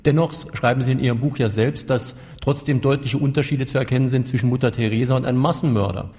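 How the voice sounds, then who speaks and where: A man's voice: medium pitch, fairly even intonation, quick pace, dark tone, long reverb tail. A man interviewing a guest, thoughtful and pressing, with some hesitant fillers as he builds his questions.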